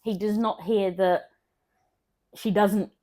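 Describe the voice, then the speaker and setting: A woman's voice: mid-range voice, fairly even intonation, slow, mellow. A woman co-hosting a film podcast in casual, enthusiastic chat, often trailing off and restarting. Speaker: podcast co-host.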